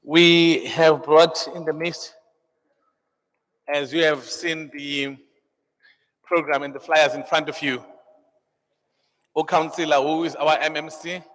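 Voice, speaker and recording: Man, South African Xhosa accent, slightly high voice, formal meeting address, deliberate, long hall reverb. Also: level tone, a bit bright. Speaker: programme director at a public meeting. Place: large indoor meeting hall.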